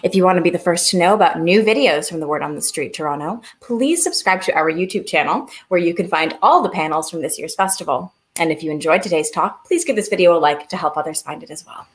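A young woman hosts an online festival by video call from her living room at home, reading scripted announcements in an upbeat way. Her voice is lowish, and she talks fast with hardly any pauses.

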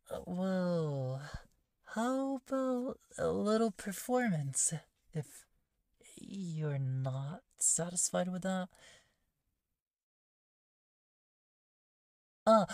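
A shy, easily flustered catgirl maid, played by a woman, speaks in a timid, hushed ASMR role-play voice. The pitch sits low and the words come very slowly, with hesitant stops. The sound is close and dry. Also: no echo, exaggerated voice. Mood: flustered, eager. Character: shy, flustered catgirl maid waitress craving head pats. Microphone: close, dry microphone.

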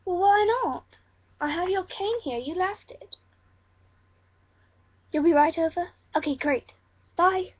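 A woman's voice: extremely high pitch, slow pace, pauses often, lo-fi sound. A woman voicing a bratty teenage boy demon noble in a put-on British accent, whiny and playful. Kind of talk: cosplay role-play vlog.

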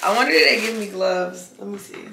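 A woman's voice: medium pitch, steady tone, a little fast. A young woman vlogger chatting casually to camera while she eats, loose and slangy with plenty of swearing. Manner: loose, slangy and swearing, chewing between lines. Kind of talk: casual mukbang chat to camera. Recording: echoey room, faint background noise.

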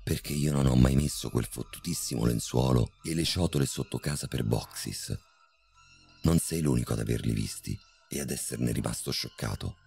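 A man's voice: extremely low pitch, vocal fry, faint music behind. A man doing a mother whispering in fear. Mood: fearful. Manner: hushed, slow whisper. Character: frightened mother whispering a secret.

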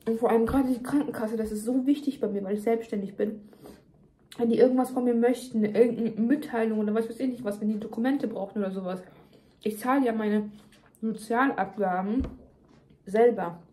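A woman's voice: fairly high pitch, steady tone, fairly quick, dark tone. A young woman venting emphatically in casual chat to her viewers, talking while chewing. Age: young adult. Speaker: vlogger. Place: home kitchen, indoors.

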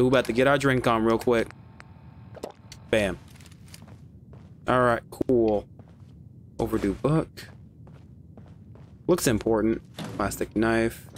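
Over slight background noise, a man with a mid-range voice gives relaxed gameplay commentary on his stream. He curses freely while he plays.

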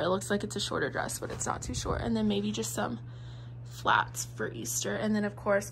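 A woman's voice: mid-range voice, creaky, noisy background. A young woman, chatting casually to camera in a vlog, upbeat and full of "like". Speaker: vlogger.

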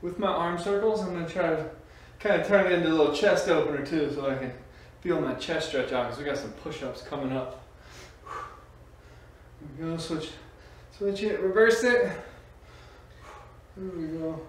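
A fitness instructor leads an aerobics workout in a small, bare-walled home gym, calling out short cues and urging people on while he exercises. His voice is a little high, his speed normal, and he leaves long pauses. The room echoes, the mic sits at a distance, and there's faint noise.

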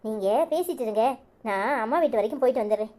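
A woman with a Kanyakumari Tamil accent voicing a gentle, soft-spoken young woman in a cartoon. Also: a little high, expressive, fast, lightly acted. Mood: apologetic. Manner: soft, quiet, apologetic. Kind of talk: cartoon voice acting.

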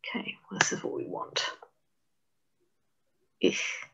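Over a video call, a woman presents a chapter to her book club as a casual live-coding walkthrough, thinking aloud and making self-deprecating asides. She whispers slowly in a fairly bright tone, and the recording is muffled.

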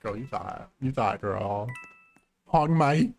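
This gaming streamer, a man in his late thirties, talks slowly in a creaky, darkish voice with lively intonation over soft background music. Sassy and dramatic, he calls everyone "girl" and lurches from low mutters to high squeals in his casual game commentary.

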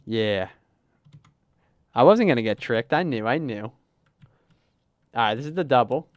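A man's voice: mid-range voice, animated, unhurried, dry recording, studio quality. A man livestreaming a cooking game, chatting casually as he plays, narrating his moves and reading chat aloud. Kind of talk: casual gameplay livestream commentary.

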